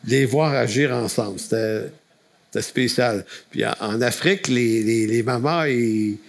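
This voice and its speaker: A man's voice: mid-range voice, measured pace, vocal fry. A man with a Quebec French accent telling a testimony story as a camp speaker, folksy and full of restarts.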